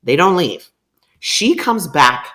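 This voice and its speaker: A woman's voice: low voice, sing-song, slow pace, sharp tone. A woman co-hosting a podcast, telling a story in casual, profane chat and acting out what people said. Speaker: podcast co-host.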